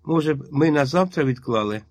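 A man's voice: on the high side, animated, a little fast, dry recording. Man voicing a whimpering scared boy. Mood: pleading. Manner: whimpering and pleading. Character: frightened young village boy, whiny.

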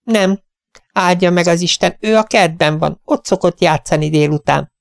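A man's voice: vocal fry, no room sound, studio quality. A man doing a gushing little old lady. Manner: gushing, sing-song, high falsetto. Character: cheerful tiny elderly lady, doting cat owner.

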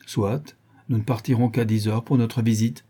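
A man reading the part of a menacing male brigand and murderer in an audiobook, gruff and commanding. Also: mid-range voice, steady tone, normal speed, mellow, lightly acted.

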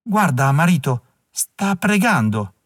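A man's voice: fairly high pitch, sing-song, takes it slowly, breathy edge, no echo, studio quality, pitched above the performer's own voice, heavily acted. A man voicing a poor grieving mother, tearful and pleading in a raised voice. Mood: resigned. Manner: wailing, pleading.

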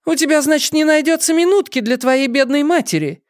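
A man's voice: a little fast, no room sound, clean studio sound. A man reading an audiobook and voicing an older mother who complains, guilt-trips and dramatizes everything. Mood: reproachful. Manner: shrill, complaining, melodramatic. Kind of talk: audiobook character voice.

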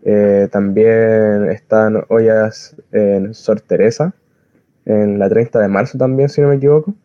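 In a dull, lo-fi close recording without echo, a low-voiced Chilean man speaks in a monotone about activism. He volunteers at a community soup kitchen and explains things informally, earnestly pausing to hunt for the right words.

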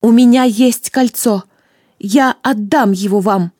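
A woman voicing a young heroine who pleads urgently, her voice raised high. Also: slow pace, a little mellow, no echo, clean studio sound. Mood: pleading.

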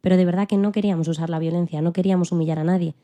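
Playing a dignified elderly civil rights activist, a woman recalls her struggle calmly, earnestly and plainly as a guest in a dramatized podcast interview. Her natural voice is fairly low and very fast, carrying an earnest, resolute mood through scripted first-person storytelling.

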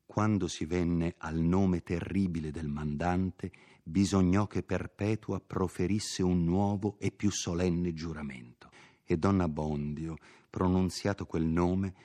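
A man reading a classic novel aloud as an audiobook, measured and expressive. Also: low-pitched. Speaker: audiobook reader. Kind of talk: literary audiobook narration.

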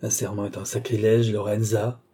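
A mysterious man keeps his captive in line with calm, sorrowful persuasion, played by the reader himself. His tone is very dark and mellow, roughened by a husky edge. The storybook delivery stays gentle but never yields. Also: on the low side, moderate pace. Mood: persuasive. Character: man, a mysterious captor, sad and insistent.

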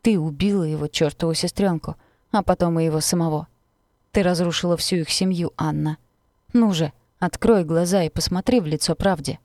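A woman's voice: on the low side, normal speed, darkish tone, no echo, clean studio sound, close to an everyday voice. A woman reading the part of a bitter teenage boy in an audiobook who taunts and blames the girl he speaks to. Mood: taunting. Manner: taunting, venomous.

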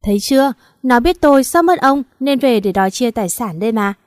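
A woman's voice: a little high, expressive, a little fast, dry recording, studio quality, natural voice. A woman voicing a spiteful middle-aged aunt who speaks in a sneering, accusing way, in a spoken story.

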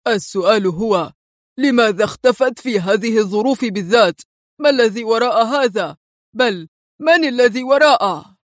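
A woman reading a storybook who voices an irritable male security chief with a curt, sharp manner. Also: a little high, animated, moderate pace, dry recording, clean studio sound, lightly acted. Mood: irritated.

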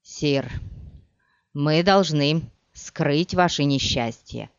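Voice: mid-range voice, drawn-out words, clear, resonant tone, no room sound. A reader voicing a loyal, grizzled male desert warrior chief who speaks with anguish and pleading, in a dull, dry audiobook recording. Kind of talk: audiobook character reading.

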